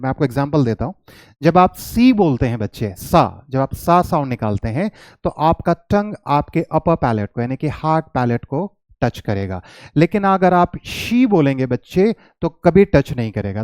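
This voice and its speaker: A male teacher with a slightly high voice gives a pronunciation lesson in a mix of Hindi and English. He explains patiently, calls his students "children," and reads tongue twisters out slowly. It is a close, dry recording with no room echo. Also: darkish tone.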